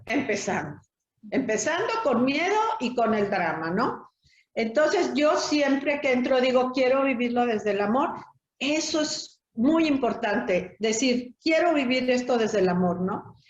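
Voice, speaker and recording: High-voiced Mexican woman in an echoey room. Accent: Mexican Spanish. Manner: earnest, explaining, ends points with tag questions. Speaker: thanatologist. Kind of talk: interview answers. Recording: roomy, dull lo-fi sound.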